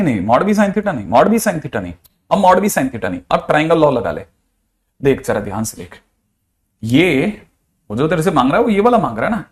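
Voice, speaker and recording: A man, a physics teacher giving a chatty, playful lecture. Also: fairly high pitch. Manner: chatty, playful, with mixed Hindi-English math terms.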